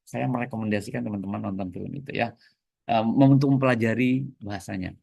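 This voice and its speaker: This man has a fairly low, creaky voice and speaks a little fast, in a dry recording with the highs cut off. Teaching English to a class with an Indonesian accent, he lively switches between explanations and getting students to repeat.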